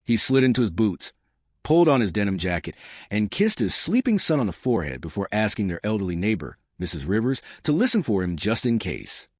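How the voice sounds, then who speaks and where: A man's voice: on the low side, sing-song, fairly quick, a little mellow, husky, no echo, clean studio sound. A man narrating an emotional story for his channel in a dramatic, emotive storytelling manner.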